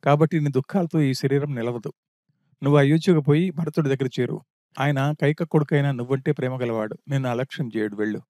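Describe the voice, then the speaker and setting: A man reading as a grieving prince, mellow and dry. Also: medium pitch, a little fast, dry recording, close to an everyday voice. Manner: lamenting, full of anguished questions. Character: grieving prince lamenting his lost wife.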